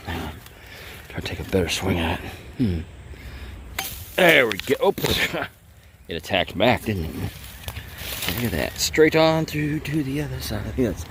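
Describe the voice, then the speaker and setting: Noise fills the background as a deep-voiced man from the American South, a hobby bladesmith, records a casual outdoor vlog on a handheld phone. Standing in a bamboo grove, he playfully teases the plants while demonstrating.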